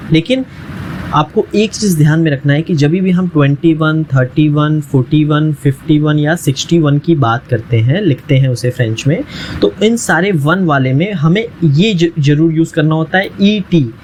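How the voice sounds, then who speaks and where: A man teaching a language lesson, a little higher-pitched than most men. He repeats each word slowly and patiently and keeps checking that the listener is following. There is faint noise in the background. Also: darkish tone, low-quality recording. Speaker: French teacher. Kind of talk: language lesson explained in Hindi.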